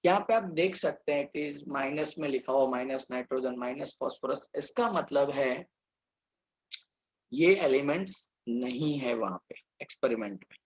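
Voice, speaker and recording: A man teaching a biology lecture, reading slide lines out slowly and then explaining them step by step. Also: medium pitch, expressive, dull audio.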